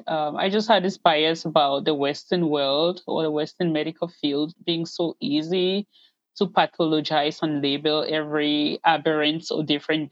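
Woman from Cameroon, very low voice, hesitant, dull dry recording. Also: no echo. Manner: soft-spoken, hesitant with many ums. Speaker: guest parent advocate. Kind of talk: interview answers, personal story.

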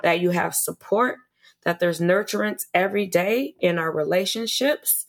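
A woman who works as an early childhood educator speaks earnestly and passionately in a podcast interview, often restarting and repeating words. Her voice is fairly low and her pace moderate.

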